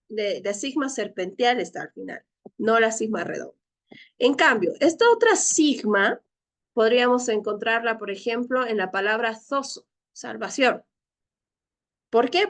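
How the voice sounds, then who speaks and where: A woman teacher leading a Greek class, explaining patiently step by step and often checking with her students. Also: a little high. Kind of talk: online class lecture.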